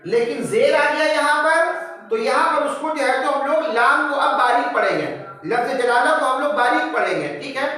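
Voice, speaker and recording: High-pitched guy teaching a recitation class, answers his own questions, repeats every word slow, super echoey room far from the mic. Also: pushed and bright. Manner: repeats each example word several times, stretching it out slowly; asks questions and answers them himself. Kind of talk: tajweed class lecture.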